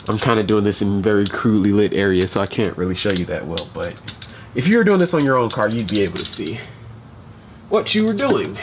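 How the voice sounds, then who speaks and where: A young man with a mid-range voice films a casual how-to vlog outdoors at night, talking through a car repair as he works, rambling with many ums and restarts. The camera mic moves around with him, and there is a little hiss or hum.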